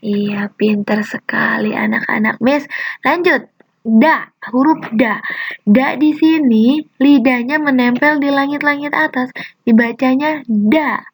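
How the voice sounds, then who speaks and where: A woman teaching young children to read Quranic letters, drawing out each syllable in slow drills and quietly praising them. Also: sits high, slightly rough.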